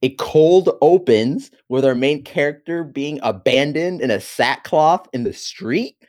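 A man's voice: fairly high pitch, animated, measured pace, darkish tone. A man in casual chat, telling a story with exasperation and acting out his own reactions.

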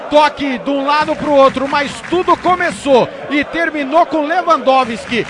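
A Brazilian man commentates on football in an emphatic, raised voice. His pitch is extremely high, and a noisy crowd is clearly heard behind him. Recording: crowd noise and ambience behind voice. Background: stadium crowd.

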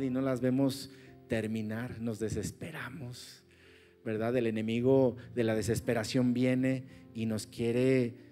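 A man's voice: mid-range voice, mellow. A man preaching a sermon and telling his own story in an earnest way, with frequent restarts and tag questions. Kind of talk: sermon with personal testimony.

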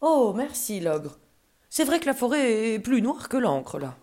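A woman reading a storybook and voicing a cheerful, cheeky male elf who speaks in a bright, polite, breezy way. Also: on the high side, very animated, measured pace, voice pushed up.

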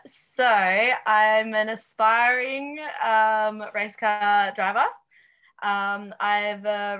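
A young woman with a Tasmanian Australian accent talks casually as an interview guest. Her voice is bright and forward, sitting at an ordinary pitch. She feels her way through answers informally, with plenty of hesitation. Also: clean tone. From Launceston, Tasmania, Australia. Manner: hesitant, informal, frequent ums and likes. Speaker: interview guest, aspiring racing driver.

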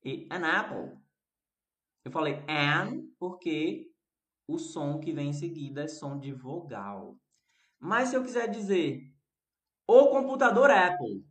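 Slow, lively Brazilian man teaching. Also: fairly high pitch, reverberant. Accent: Brazilian Portuguese. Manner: explains step by step and repeats examples. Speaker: English teacher. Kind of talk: live-streamed lesson reading viewer comments.

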